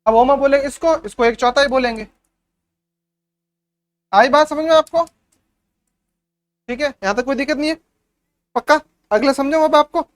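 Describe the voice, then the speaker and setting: A man's voice: extremely high pitch, normal speed, long pauses. A man teaching a maths revision class for young pupils, explaining step by step and often checking that the class has understood.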